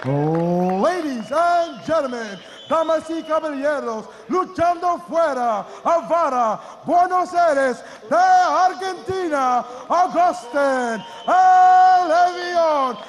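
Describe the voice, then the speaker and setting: Guy doing boxing ring intros, really high voice, drawn-out lucha libre announcer style, big hall reverb. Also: animated, slight background noise. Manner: drawn-out, booming showman delivery like a lucha libre announcer, switching into Spanish. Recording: long hall reverb over arena PA.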